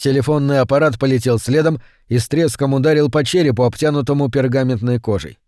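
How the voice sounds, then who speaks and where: A man narrating a horror audiobook in a steady, measured reading voice on a close mic. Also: mid-range voice, dry recording.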